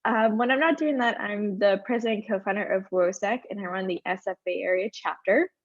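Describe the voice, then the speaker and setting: Speaking briskly in a mid-range voice, this woman gives a webinar talk as a conference speaker, upbeat and conversational with chatty asides. Allergies leave her voice slightly strained. There's no echo, though the top end is missing.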